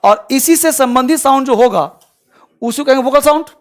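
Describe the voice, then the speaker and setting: A man's voice: very high-pitched, a little fast. Man teaching in Hindi. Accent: Bhojpuri-region Hindi. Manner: asks the class questions and answers them himself; mixes English terms into his teaching. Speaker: English teacher. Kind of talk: live online class.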